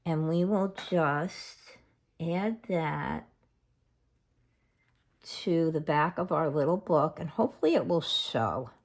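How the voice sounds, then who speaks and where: A woman's voice: deep voice, lively intonation, slow pace, pauses often. A woman narrating a casual paper craft tutorial at her worktable, chatty and thinking aloud as she goes. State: has hiccups.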